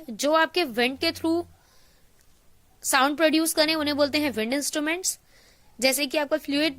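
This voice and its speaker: A woman teaching a science class online, explaining in Hindi mixed with English terms, asking and answering her own questions and reading definitions out slowly. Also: high voice, fairly bright tone.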